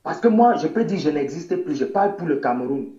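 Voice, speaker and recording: A man arguing his opinion in a played clip, in a deliberate, insistent way. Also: on the high side, expressive, a loud crowd. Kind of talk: argued opinion. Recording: dull, echoey replayed clip.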